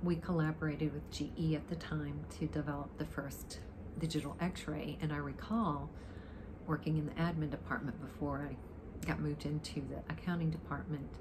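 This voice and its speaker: An older woman with a low voice and a dry throat talks casually and reminiscently, wandering from one thought to the next. She is recorded in a living room at home, with clear noise in the background. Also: level tone, moderate pace. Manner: rambling, reminiscing. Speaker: amateur guitarist introducing a song. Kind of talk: casual chat to camera. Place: living room, indoors, on a sofa.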